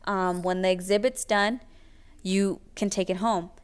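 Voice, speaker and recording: A kind, motherly woman vendor who talks sweetly and calls everyone honey, as a vlogger quotes her. The voice sits a little higher than the teller's own and stays smooth and soft. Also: steady tone, unhurried, close to an everyday voice. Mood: kindly.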